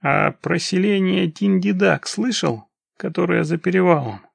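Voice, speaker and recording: Shrewd scheming scout, dry gravelly voice, voiced by a male narrator. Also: high-pitched, a little slow, no echo, voice pushed up, full character voice. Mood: persuasive. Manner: persuasive, questioning.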